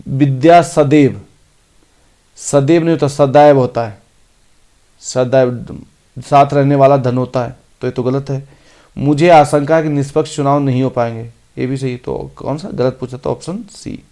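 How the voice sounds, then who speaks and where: A man teaching an exam-prep grammar lesson, reading each sentence out slowly and then explaining it briskly. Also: medium pitch, steady tone, dark tone. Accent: Hindi.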